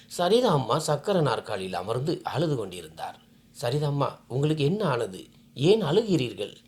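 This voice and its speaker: Woman storyteller, first-person narration, heartfelt, expressive, lively pitch.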